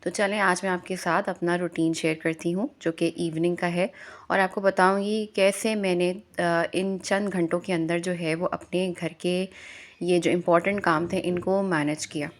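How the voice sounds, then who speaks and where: A woman's voice: fairly low pitch, steady tone, normal speed. A woman, chatting in a voice-over about her home chores and giving friendly advice, with English phrases mixed in. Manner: chatty, advising, mixes English phrases into Hindi. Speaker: homemaker vlogger.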